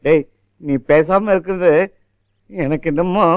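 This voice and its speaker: A man's voice: high voice, measured pace. An actor playing a proud, stubborn but tender-hearted old grandfather who scolds and pleads in everyday speech. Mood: hurt. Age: older. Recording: muffled film audio with music.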